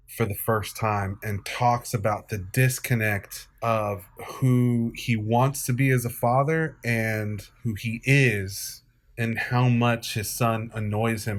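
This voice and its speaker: A man co-hosting a casual film podcast, giving frank, direct opinions. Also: fairly low pitch. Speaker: podcast co-host, filmmaker.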